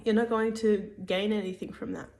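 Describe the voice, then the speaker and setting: A woman's voice: mid-range voice, steady tone, normal speed, gravelly, a little mellow. A woman giving a casual spoken religious teaching, hesitant, with many fillers and restarts.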